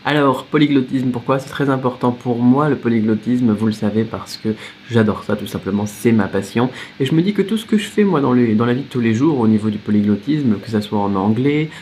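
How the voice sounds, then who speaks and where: A man who teaches languages, talking casually to camera in a vlog, chatty and lively with many fillers and restarts. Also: mid-range voice, fairly quick, a little hiss or hum. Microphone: separate microphone.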